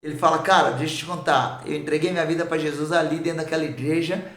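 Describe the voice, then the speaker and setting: On a podcast, a pastor with a Brazilian Portuguese accent tells the story of his conversion, animated and acting out the voices of people involved. His voice is a little high and fast, and the room is echoey.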